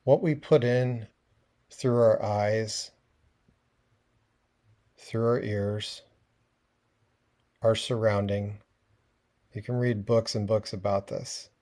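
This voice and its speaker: A man presenting a talk on a video call, relaxed and conversational with frequent fillers. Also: on the low side, takes it slowly, long pauses. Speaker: webinar presenter. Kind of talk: casual educational talk.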